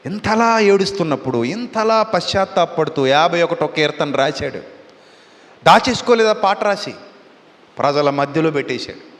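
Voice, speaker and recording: Fervent male preacher, high voice, repeats for emphasis, reverberant hall. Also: lively intonation, moderate pace, fairly bright tone. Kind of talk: sermon.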